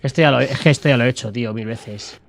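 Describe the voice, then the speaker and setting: A man's voice: medium pitch, fast talker, vocal fry, slight background noise. A man with an accent from Spain, a game streamer giving casual commentary as he plays.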